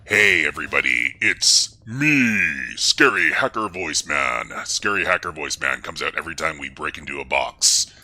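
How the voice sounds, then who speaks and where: A man voicing a menacing, taunting hacker persona through a voice changer, speaking slowly and gloating. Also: rumbling low, animated, pushed and bright, pitched below the performer's own voice, full character voice.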